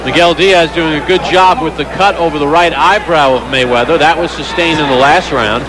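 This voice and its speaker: A man calling live boxing as the play-by-play commentator from a loud arena. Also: fairly high pitch, brisk, poor audio. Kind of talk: live sports broadcast commentary. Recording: loud crowd and arena noise.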